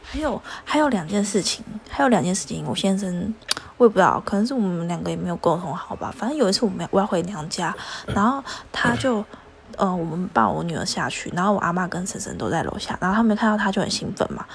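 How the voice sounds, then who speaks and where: A young woman co-hosting a podcast with her husband, telling a story in a lively way and pressing him to admit he was wrong. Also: lowish voice, fast talker, gravelly, slight background noise. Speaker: podcast co-host. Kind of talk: casual chat.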